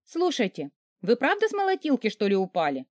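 A woman voicing a flustered young woman who pleads, teases and squeaks at a grumpy man. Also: wildly swooping pitch, a little fast, darkish tone, no echo, studio quality. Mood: cheeky.

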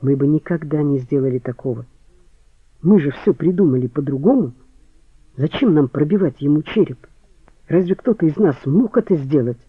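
A man's voice: on the high side, normal speed, slightly rough, no room sound. A man reading as a shaken man speaking dully. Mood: grim. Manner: muffled, flat. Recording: phone-like, dry.

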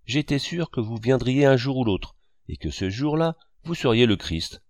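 A man's voice: mid-range voice, expressive, moderate pace, darkish tone, dry recording, voice pushed up, close to an everyday voice. Man reading as a stern, scornful judge of character. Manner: severe, reproachful.

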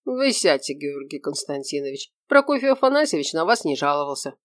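A woman's voice: deep voice, big pitch swings, a little fast, no echo. A woman voicing a mocking male police investigator in an audiobook, with a dry, teasing delivery.

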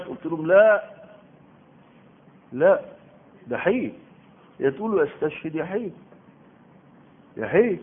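A man's voice: fairly high pitch, slightly rough. A man with an Egyptian Arabic accent, giving an emphatic Quran lesson, repeating phrases and firing rhetorical questions. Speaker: Islamic preacher giving Quran commentary. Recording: tinny phone-like audio.

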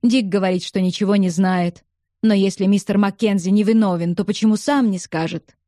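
A woman reading the part of a composed older lady who speaks in a measured, reasoning way, with a mellow tone. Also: medium pitch, fairly even intonation, no room sound, studio quality, natural voice.

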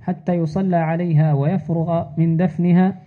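A man reading classical religious text aloud as a student, measured and formal, repeating the narration formula before each line. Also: fairly high pitch, level tone. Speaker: student reader. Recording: tinny phone-like sound.

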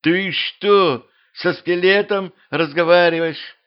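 A man's voice: mid-range voice, normal speed, natural voice. A man voicing a pushy, curious young vampire girl who keeps pestering insistently, on a dull lo-fi home recording.

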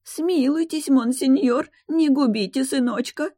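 A woman's voice: measured pace, mellow, no echo, studio quality. A woman voicing a grieving, pleading peasant mother in an audiobook. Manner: pleading, high and shrill.

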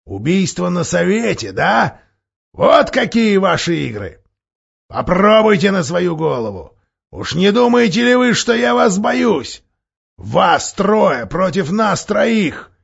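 Casting: a shrill, gravelly, scheming dwarf for an audiobook, read by a man; huskiness and a dull recording. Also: big pitch swings, measured pace, full character voice. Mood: furious. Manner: sneering, rising to shrill shouts. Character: bitter scheming male dwarf, sharp-tongued, defiant.

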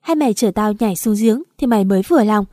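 A woman voicing a gentle mother who scolds her daughter in bitter reproach, in a mellow voice on a dry recording. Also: mid-range voice, animated, fast, dry recording, natural voice. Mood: scolding. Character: gentle older mother, shamed and angry.

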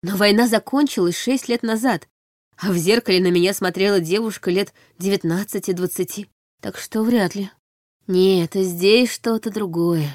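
A woman narrates a first-person audiobook at a middling pitch, measured and steady. Her voice is recorded dry and close, with no room echo at all.

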